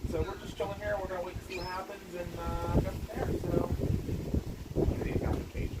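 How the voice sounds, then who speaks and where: A man's voice: sits high, flat delivery, fairly quick. A man who is a storm chaser, chatting casually and in a rambling way on a live stream. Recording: far mic, loud wind noise.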